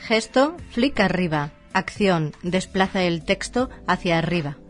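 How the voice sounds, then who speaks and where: A woman's voice: on the low side, animated, a little slow, soft background music. A woman narrating a scripted instruction manual formally, reading it out in short labelled items.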